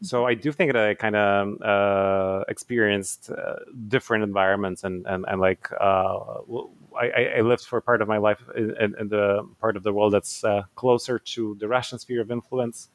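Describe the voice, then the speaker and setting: A man's voice: on the low side, steady tone, moderate pace, hardly any pauses, no echo. A man, an author giving thoughtful interview answers, hesitant with many fillers and restarts. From Poland. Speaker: author guest.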